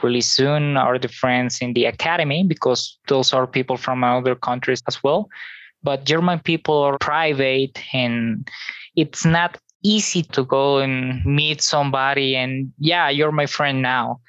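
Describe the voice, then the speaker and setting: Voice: mid-range voice, steady tone, fairly bright tone, no echo. Venezuelan-accented speaker, dry dull audio. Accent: Venezuelan Spanish. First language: Spanish. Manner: easygoing, talks in loose halting phrases. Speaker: guest. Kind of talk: casual interview chat.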